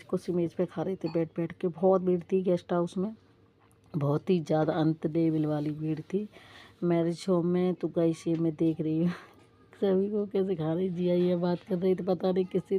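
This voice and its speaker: A woman's voice: fairly low pitch, lo-fi sound. A woman with a western Uttar Pradesh Hindi accent, vlogging casually at a crowded wedding venue and chatting straight to her viewers. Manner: chatty, addressing viewers directly. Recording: noisy crowded wedding hall. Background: loud crowd and music.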